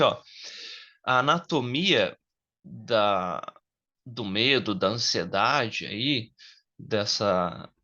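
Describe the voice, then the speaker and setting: A man's voice: mid-range voice, sharp tone, muffled recording. A man with a Brazilian Portuguese accent, a social skills coach giving a direct, confident talk to the camera. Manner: direct and confident, addresses viewers as "gente". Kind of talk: casual instructive monologue to camera.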